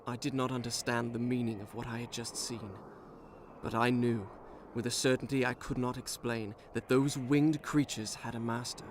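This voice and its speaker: An actor voicing a wary, self-reliant young prince who narrates his tale in a measured storytelling way, in a video game. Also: mid-range voice, flat delivery, background noise, natural voice. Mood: reflective. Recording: game audio with music.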